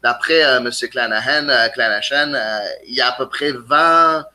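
A man's voice: medium pitch, moderate pace, bright, forceful tone. A man from Canada, a guest explaining things eagerly in a casual interview. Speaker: guest soccer blogger.

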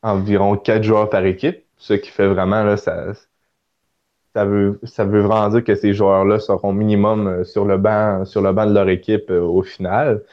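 A man from Canada, hosting a casual podcast interview and thinking aloud with many pauses. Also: fairly low pitch, little pitch movement, highs cut off. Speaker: podcast host.

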